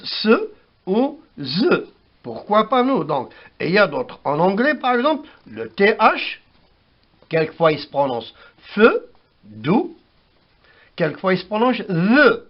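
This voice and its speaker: A man giving a spoken language lesson, slowly repeating words to show how they are pronounced, on a dull lo-fi recording. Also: high-pitched, sing-song. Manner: slow, repeats words for pronunciation. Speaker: language teacher.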